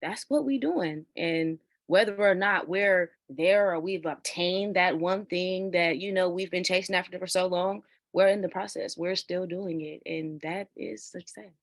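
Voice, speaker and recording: A woman's voice: lowish voice, measured pace, few pauses, dry recording. A young woman co-hosting a podcast, earnestly summing up what the others have said. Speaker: podcast co-host. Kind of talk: casual chat.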